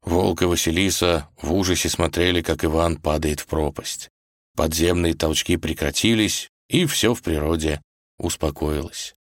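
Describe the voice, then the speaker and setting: A man narrating a fairy tale in an expressive, dramatic storytelling manner. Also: deep voice, normal speed, no echo, studio quality.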